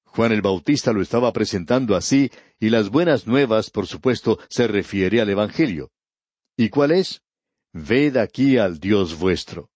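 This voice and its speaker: A man giving a radio Bible teaching, reading scripture slowly and deliberately and speaking straight to the listener. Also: on the low side, a little mellow, no room sound. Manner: addresses the listener directly.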